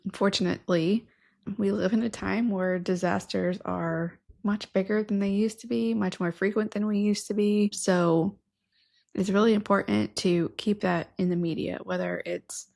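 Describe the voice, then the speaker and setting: Speaking at normal speed with fairly even intonation, this woman has a mid-range voice touched with vocal fry and a slight mellowness. She is a podcast co-host in her thirties, earnest, enthusiastic and self-proclaimed nerd, using a stand-mounted studio mic and headphones in a room with patterned wallpaper.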